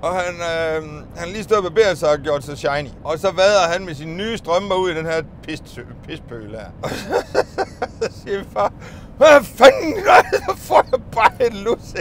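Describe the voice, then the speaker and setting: Telling childhood stories casually on his vlog, a man rambles, restarts, and frequently swears and laughs. His voice is a little high with lively intonation, and there's slight background noise.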